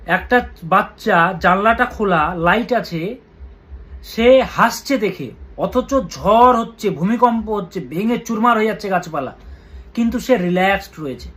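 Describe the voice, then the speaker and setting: A man with a Bengali accent, an astrologer giving earnest weekly horoscope advice and slowly chanting mantras. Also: sits high, animated, a bit bright.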